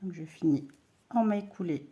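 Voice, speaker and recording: A woman's voice: lowish voice, normal speed, husky. A woman giving a patient, step-by-step knitting tutorial, talking her viewers through each stitch with small hesitations. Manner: calm, patient instruction with frequent "hop" and hesitations. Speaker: host of a knitting and crochet channel.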